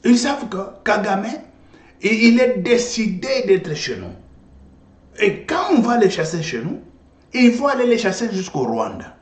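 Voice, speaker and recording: A man's voice: high-pitched, very animated, a little slow. A man hosting political commentary, emphatic and talking straight to his listeners. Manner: emphatic, addresses listeners directly. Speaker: host. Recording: roomy echo.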